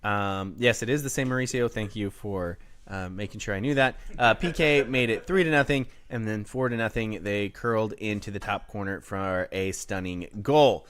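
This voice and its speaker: A man's voice: fairly low pitch, moderate pace, few pauses, fairly bright tone. A man hosting a sports podcast, reading out youth soccer match results in a casual, joking way. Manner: reads out youth soccer results, jokes along. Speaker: podcast host.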